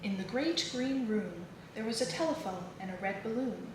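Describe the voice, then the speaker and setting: A woman reading children's picture books and poems aloud in an expressive, sing-song way. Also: medium pitch, moderate pace. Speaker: children's book reader. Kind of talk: read-aloud storytelling for children. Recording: echoey room with clear background noise.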